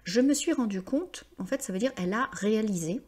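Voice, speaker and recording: A woman giving a patient language lesson, explaining step by step and often pausing with hesitations. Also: medium pitch, lively intonation, a little mellow. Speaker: French teacher.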